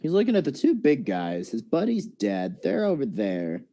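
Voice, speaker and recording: A man serving as dungeon master runs a tabletop game, narrating the action in a relaxed, laughing way and often correcting himself. His voice is medium-pitched at a moderate pace.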